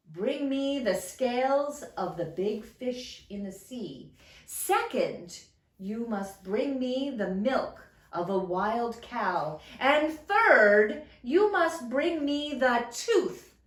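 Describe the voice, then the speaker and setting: Trickster-tale sky god played by a woman: high, commanding, grand, swooping storybook delivery. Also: sing-song, extremely slow, a bit bright, exaggerated voice. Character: grand, demanding sky god setting impossible tasks. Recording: roomy, echoing, mic at a distance.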